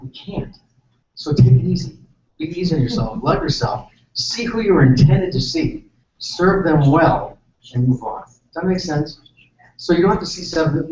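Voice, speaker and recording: A San Francisco, California chiropractor with a fairly high-pitched, darkish voice gives a relaxed, self-deprecating seminar-hall talk, asking the audience questions. The recording is echoey and dull, captured by a distant mic with faint background noise.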